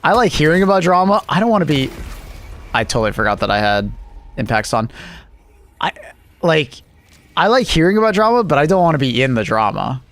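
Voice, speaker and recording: A man's voice: fairly high pitch, big pitch swings, fairly quick, pauses often, fairly bright tone. A man live streaming, chatting casually with his viewers and reacting to their messages with joking, rambling asides.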